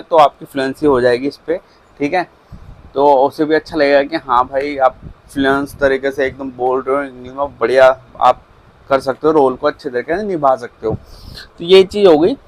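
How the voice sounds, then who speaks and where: A man's voice: fairly high pitch, poor audio. Man giving friendly career coaching. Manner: coaching, often checks in with the listener. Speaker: career advice vlogger. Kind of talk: casual instructional talk.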